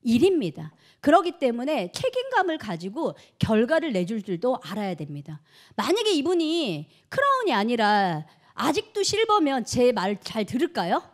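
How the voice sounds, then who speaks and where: Animated high-voiced woman leading a seminar. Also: moderate pace. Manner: lively, asks the audience rhetorical questions; acts out quoted remarks in changed voices. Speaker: network marketing leader speaking to her team. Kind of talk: motivational seminar talk.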